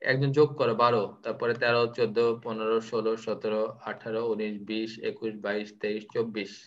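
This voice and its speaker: A man's voice: lowish voice, flat delivery, brisk, fairly bright tone, lo-fi sound. A man, teaching vocabulary in a live online class, playful and teasing, mixing in English words. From Bangladesh.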